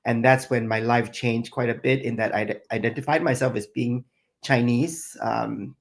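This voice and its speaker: A middle-aged man from Thailand and Singapore, a chef appearing as a guest, answers interview questions reflectively. His medium-pitched voice is gravelly and steady, with a moderate pace and lots of fillers.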